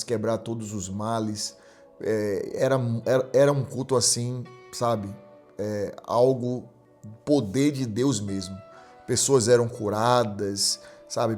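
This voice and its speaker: A man's voice: lowish voice, darkish tone. A middle-aged man preaching as a pastor, telling a story with emphatic repetition. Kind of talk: sermon with storytelling.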